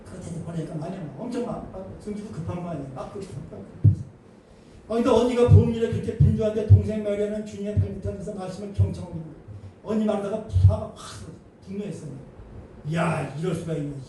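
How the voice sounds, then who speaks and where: A male pastor preaching an animated, emphatic sermon with colloquial humor in a church. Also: sits high, very fast. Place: church sanctuary. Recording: echoey hall, distant mic, faint noise.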